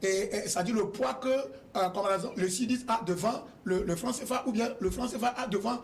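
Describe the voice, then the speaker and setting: High-voiced man searching for words. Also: fairly quick, vocal fry. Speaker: panel guest. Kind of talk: TV panel discussion.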